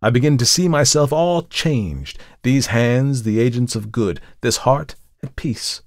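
A man's voice: mid-range voice, animated, measured pace, no room sound, clean studio sound. A man voicing a desperate male murderer who pleads his case in an impassioned, emphatic way, in a dramatic audiobook reading. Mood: reflective.

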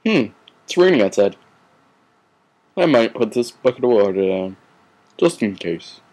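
Male narrator for a playful game skit: unhurried, animated pitch movement. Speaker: narrator and voice actor.

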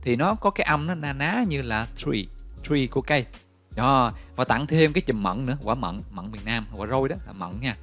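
A man's voice: mid-range voice, moderate pace. Man teaching vocabulary. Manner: lively, storytelling, coaxing with questions. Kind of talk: recorded vocabulary lesson with memory stories.

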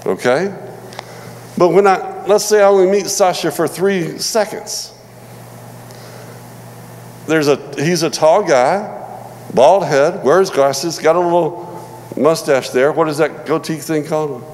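A man in his forties preaching a sermon in a relaxed, conversational way, often repeating words and checking in with "all right?". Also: fairly high pitch, big-room sound, slight background noise, rough recording. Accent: non-Michigan American. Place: church hall.

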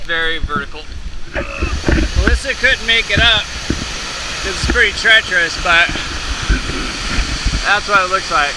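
A man in his fifties filming himself on a jungle hike, casual and excited, recorded outdoors on an action camera. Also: sits high, heavy background noise. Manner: excited, exclaiming, slow talk. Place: outdoors in a jungle valley by a stream. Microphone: action camera on a selfie stick.

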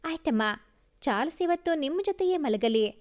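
A woman's voice: high voice, animated, moderate pace, a little mellow. A woman voicing an affectionate young husband who coaxes and teases his wife in a storybook reading. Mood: tender coaxing. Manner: coaxing, tender.

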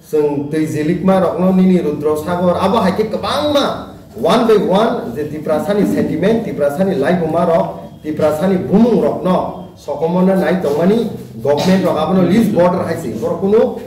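A man's voice: high-pitched, fairly quick, mellow, recorded from a distance. Young man giving a firm press statement. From Tripura, India. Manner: firm, declarative, mixing English phrases. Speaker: student leader. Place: indoor office room, seated at a table. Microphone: table mics in front, far camera. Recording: echoey room, voice a bit off-mic.

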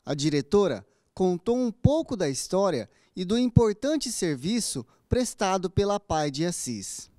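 A man's voice: high voice, very animated, unhurried, hardly any pauses, warm tone. A man with a Brazilian accent, working as a reporter and delivering local news and interview questions.

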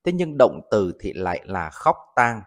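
A man teaching English vocabulary, repeating each example sentence slowly for learners. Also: on the low side, sing-song. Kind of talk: vocabulary lesson narration.

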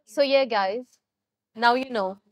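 A woman's voice: fairly high pitch, slow pace, no room sound. A young woman hosting a casual eating video in a restaurant, teasing her friend playfully and laughing often. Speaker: mukbang host. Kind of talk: casual chat while eating.

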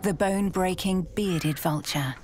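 A woman with a somewhat low-set voice reads nature documentary narration. Her delivery is measured, like storytelling from a script. Faint outdoor ambience sits behind her words. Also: a little mellow, slight background noise.

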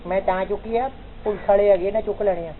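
A man's voice: high-pitched, steady tone, fast. A male comedian, teasing and mock-sympathetic in an improvised village comedy sketch. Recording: tinny lo-fi with crowd noise.

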